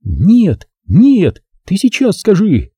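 A man doing a shrill, desperate young woman. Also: huge pitch swings, takes it slowly, warm tone, husky, no echo, clean studio sound, exaggerated voice. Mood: pleading. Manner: shrill, pleading and screaming insults.

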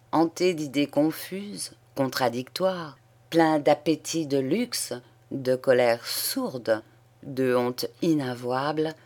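Woman narrator for a literary audiobook, unhurried, low pitch. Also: a little mellow. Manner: measured, deliberate reading. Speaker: audiobook reader.

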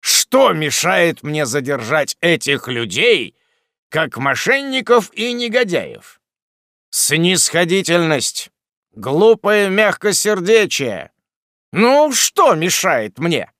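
A man's voice: fairly high pitch, big pitch swings, slow pace, few pauses, sharp tone, no echo, studio quality, full character voice. A man voicing a pompous, blustering middle-aged magistrate in a storybook reading.

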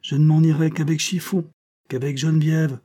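A brutish showman who bullies and blusters, as a man reading the book puts him on. His husky, mellow voice sits a little above the reader's own, and he speaks in a threatening way. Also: on the high side, flat delivery, moderate pace, voice pushed up, natural voice. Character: brutish male showman, menacing bully.

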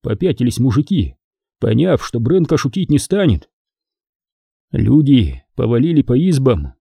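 A man narrating a novel in steady, measured audiobook style. His voice is very dark and mellow, with lively pitch movement. The recording is close and dry. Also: creaky, slightly rough, no room sound.

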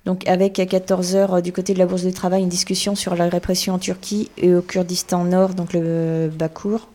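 A woman's voice: on the low side, monotone, fairly quick, dark tone. A woman hosting a community radio show, reading announcements with some hesitation. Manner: hesitant, unsure of names.

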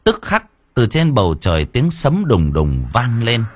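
A man narrating an audiobook story in a lively, expressive way. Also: medium pitch, measured pace.

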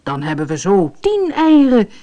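A woman voicing a boastful, greedy poor man, excited and grandiose. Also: mid-range voice, moderate pace.

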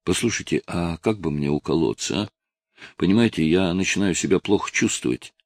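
A man's voice: low voice, brisk. A man voicing a young male drug addict under arrest, anxious and whiny in manner. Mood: pleading.

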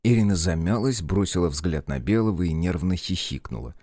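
A man narrating an audiobook in a steady, even storytelling manner. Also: low voice, a little fast, breathy edge, no room sound, studio quality.

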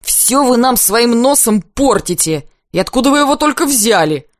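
A wildly excited young painter, as a woman reader puts him on, bursts out in frantic exclamations, almost in tears. His voice pitches up high and the sound is dry and close, with no room around it. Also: moderate pace, dry recording, close to an everyday voice. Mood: frantic, rapturous. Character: excitable young male painter, shouting in rapture.

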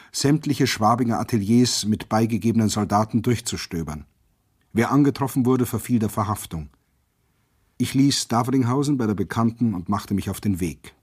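A man with a husky, low-pitched voice reads a first-person account. His delivery is grave and intense, and it climbs at the quoted cries. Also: a little mellow. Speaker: narrator.

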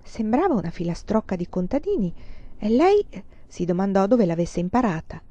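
A woman reading a novel aloud in calm, even storytelling. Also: mid-range voice, normal speed, no room sound. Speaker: reader. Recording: slightly muffled recording.

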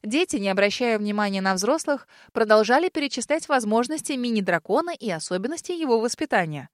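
A woman reading a fantasy audiobook in the first person, with a lively, amused delivery. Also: on the high side, brisk, dry recording, studio quality. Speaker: narrator.

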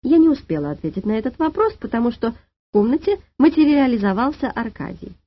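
Animated woman reading an audiobook. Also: a little high, a little fast. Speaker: audiobook narrator. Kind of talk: scripted audiobook narration. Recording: dull, dry lo-fi audiobook file.

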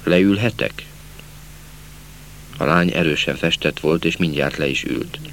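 A man reading a literary novel aloud as an audiobook narrator, slow and measured, dropping to a hush at sad passages. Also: rumbling low, fairly even intonation, slight background noise.

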